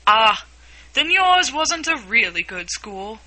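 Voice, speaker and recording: A gloomy, sighing sea creature drags out every word in a slow, mournful storybook voice, as a woman reads him. The tone is bright and sharp-edged even in his sorrow. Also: a little high, heavily acted, rough recording. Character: gloomy sobbing male Mock Turtle, slow and sighing.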